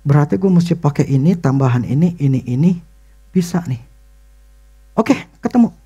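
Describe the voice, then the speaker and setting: Animated pastor. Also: male voice, fairly high pitch, moderate pace, husky. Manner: animated storytelling, loud excited bursts. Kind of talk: sermon with personal story.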